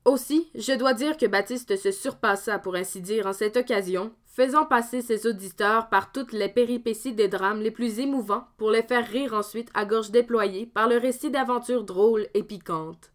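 A woman narrates a folk tale aloud, with a measured, expressive delivery. Her voice sits fairly high. The reading is steady and clear. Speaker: storyteller.

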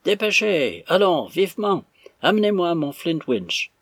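A man voicing a boisterous, impatient male stranger who talks loudly and theatrically. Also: medium pitch, big pitch swings, a little slow, husky, no room sound, exaggerated voice. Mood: swaggering. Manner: loud, mocking, theatrical.

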